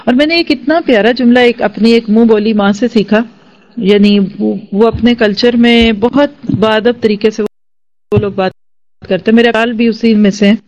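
A woman's voice: on the high side, steady tone, darkish tone. Earnest woman giving a religious lecture. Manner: earnest, persuasive, gives homely examples. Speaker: religious teacher. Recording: slightly dull lo-fi recording.

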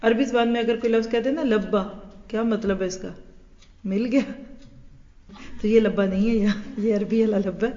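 A woman's voice: medium pitch, fairly even intonation, long pauses, dark tone. A woman gives a hadith class lecture and acts out little scenes of everyday talk as she teaches. Her voice rings through a large hall with a long echo, and the sound is dull and lo-fi. She mixes English words into her lesson. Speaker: religious teacher.

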